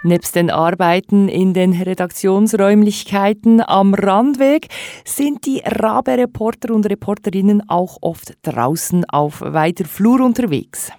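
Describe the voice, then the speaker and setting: A woman narrating a radio feature in a measured, wry tone. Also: mid-range voice, warm tone, no room sound, studio quality.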